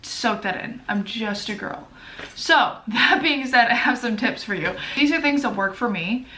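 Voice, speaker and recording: Bright and forceful, her voice sits on the high side and moves at a moderate, animated pace. She's a young lifestyle vlogger with a stuffy, sniffly cold, chatting casually to camera with plenty of fillers and self-deprecating jokes. The room echoes, and she's somewhat far from the microphone.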